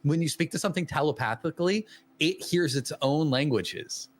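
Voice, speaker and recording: A man playing in a tabletop game, chatting casually about the characters in an animated, joking way. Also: on the high side, normal speed. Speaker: player.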